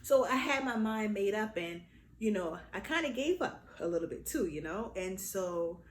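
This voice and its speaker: A young adult woman telling a personal story in a casual vlog, lively and acting out the quotes. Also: moderate pace. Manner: animated, acts out quotes with big pitch jumps. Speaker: vlogger. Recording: echoey room with faint noise.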